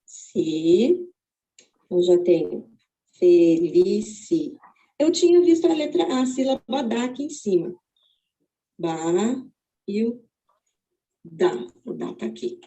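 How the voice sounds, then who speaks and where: A Brazilian woman teaching, walking slowly and methodically through a braille word activity and thinking aloud as she searches. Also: fairly high pitch, expressive, warm tone, highs cut off. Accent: Brazilian Portuguese. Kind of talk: step-by-step spoken demonstration.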